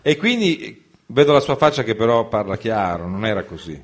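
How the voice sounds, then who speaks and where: A man's voice: on the low side, very animated, moderate pace. A man hosting a radio show, dropping dry, wry quips. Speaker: radio host. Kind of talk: radio chat. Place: radio studio.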